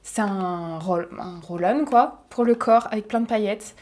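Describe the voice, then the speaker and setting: A young woman talks through a makeup unboxing in a casual, chatty way. She sounds excited and keeps dropping in little giggly asides as she goes. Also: medium pitch, a little slow. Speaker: beauty vlogger.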